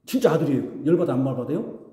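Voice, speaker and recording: A man's voice: mid-range voice, big pitch swings, racing, dark tone. A man preaching a sermon as pastor. He talks conversationally, puts questions to the congregation and acts out mocking voices. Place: church sanctuary. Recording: echoey hall reverb.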